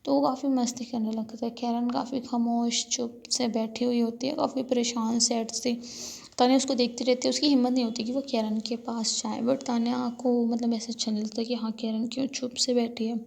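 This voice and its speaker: Gravelly-voiced woman casually retelling a story. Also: on the high side, flat delivery, a little fast, a little mellow. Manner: chatty retelling, filler-heavy, quotes lines in her own voice. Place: alone in a room, street noise heard from outside.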